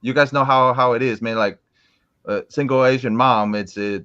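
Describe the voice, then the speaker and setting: A man's voice: medium pitch, steady tone, moderate pace, fairly bright tone, lo-fi sound. A young adult man from Florida, a guest in a casual interview, talking in a rambling way full of restarts and fillers. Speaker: interviewed guest, comic collector.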